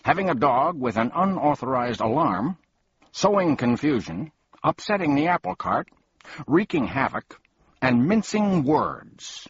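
A man doing a tiny, fierce storybook policeman, barking pompous accusations in a raised, husky voice. He sounds loud and self-important, with a swinging, lively delivery. The recording is slightly dull and lo-fi. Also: mid-range voice, unhurried, dry recording, pitched above the performer's own voice, exaggerated voice. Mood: officious.

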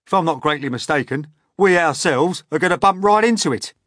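A man's voice: mid-range voice, animated, moderate pace, no echo, studio quality, lightly acted. A man voicing a brash centipede in a storybook, blunt, scornful and emphatic. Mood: sharp warning. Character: brash, sharp-tongued male centipede.

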